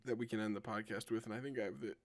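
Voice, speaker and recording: A man co-hosting a casual group podcast, talking in an offhand, deadpan jokey way. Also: lowish voice, rapid-fire. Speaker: podcast co-host.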